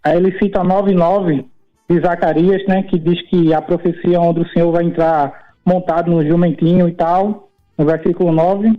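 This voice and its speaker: A man calls in over the phone, and his high voice comes through a thin, phone-like line with faint music underneath. He lays out his question earnestly and methodically, one point at a time. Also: little pitch movement, moderate pace. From Recife, Pernambuco, Brazil. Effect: heard over the phone line. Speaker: caller. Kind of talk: call-in question to a pastor.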